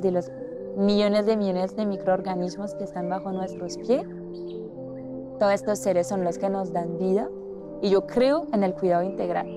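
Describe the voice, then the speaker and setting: A woman from France talks earnestly about her work, mid-pitched and hesitant, with frequent fillers. She is recorded outdoors in the countryside on a lapel mic. Music plays clearly underneath. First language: French. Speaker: landscaper and environmental activist. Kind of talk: documentary interview.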